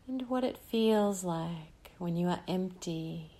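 A woman leading a guided breathing meditation, speaking in a slow, soothing way with long pauses between phrases. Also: fairly low pitch, mellow.

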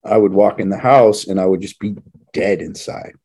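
A man's voice: low voice, moderate pace, gravelly, mellow, slightly rough. A man in his thirties, a former firefighter and father, speaking candidly and from the heart as a podcast guest. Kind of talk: reflective casual chat.

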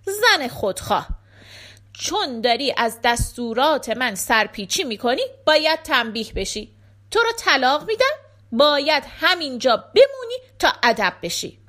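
A woman's voice: sits high, big pitch swings, pitched above the performer's own voice. Woman voicing a stern, proud merchant prince. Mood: angry. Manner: stern and commanding. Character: proud, harsh rich male merchant prince.

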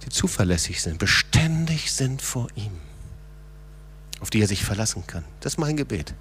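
A middle-aged man preaching a sermon, moving between quiet low passages and raised, urgent calls. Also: big pitch swings, moderate pace, a little hiss or hum.

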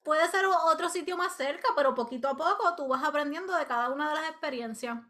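High bright-voiced woman chatting. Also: fast talker. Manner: talkative, asks questions. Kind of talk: casual chat.

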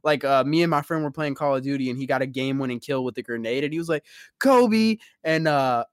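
A man's voice: mid-range voice, fast talker, smooth, no room sound, studio quality. A young man hosting a casual podcast, chatting and joking with friends. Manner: laughing, animated banter. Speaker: podcast host. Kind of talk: casual chat.

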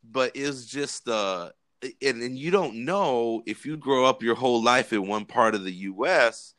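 A man's voice: medium pitch, measured pace, fairly bright tone, no room sound. A man from California hosting a casual conversation, talking hesitantly with many fillers.

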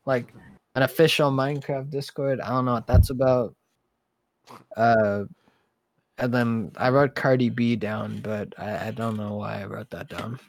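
A man's voice: mid-range voice, steady tone, a little slow, gravelly, no room sound. Young man hosting, dry close sound. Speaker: podcast host. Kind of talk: casual podcast chat.

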